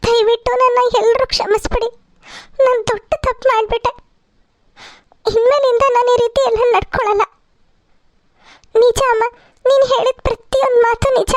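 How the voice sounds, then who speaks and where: A woman's voice: very high-pitched, no echo, pitched above the performer's own voice. A woman voicing a remorseful young woman in a cartoon serial, pleading through tears. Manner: pleading, apologetic. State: crying.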